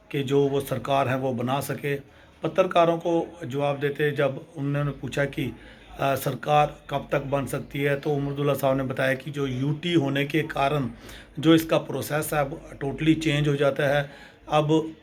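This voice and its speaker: A male journalist reports the news in a steady, level voice. His tone stays flat with little movement and sits somewhat high.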